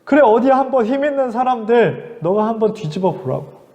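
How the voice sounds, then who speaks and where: A man voicing rough Roman soldiers who mock and jeer sarcastically. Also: very high voice, lively intonation, brisk, a little mellow, in a large hall, pitched above the performer's own voice. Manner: mocking, sarcastic. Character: jeering Roman soldiers, rough and mocking men.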